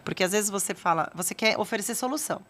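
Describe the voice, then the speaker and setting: A woman's voice: mid-range voice, fast talker, a bit bright. A woman guest, a parent educator, talking casually and acting out quoted conversations between parents and children. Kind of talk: casual interview talk.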